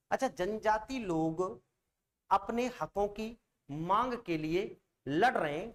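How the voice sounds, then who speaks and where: Guy teaching an exam prep class, chatty, keeps asking the students stuff. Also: high voice. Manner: chatty, asks students rhetorical questions, keeps checking in. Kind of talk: online exam-prep coaching lecture.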